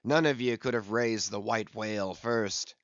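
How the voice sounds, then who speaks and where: Audiobook role: fierce old sea captain, acted by a male reader, commanding and obsessed, slow drawn-out hails, slightly dull recording. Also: on the low side, no echo. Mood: fierce, possessive. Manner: commanding, long-drawn hailing shouts. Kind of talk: audiobook character acting.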